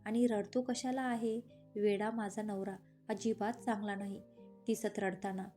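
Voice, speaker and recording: A woman's voice: medium pitch, flat delivery, a little slow, dark tone, faint music behind, close to an everyday voice. A woman voicing a playful, affectionate young woman in a romantic audio story.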